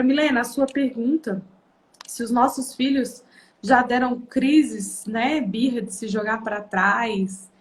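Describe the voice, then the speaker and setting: A Brazilian woman with a fairly high-pitched voice tells stories from home in a relaxed, conversational way. She hosts a parenting talk and keeps the tone animated, acting out the voices of her children as she goes. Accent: Brazilian Portuguese. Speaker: parenting video host. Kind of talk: casual storytelling to viewers.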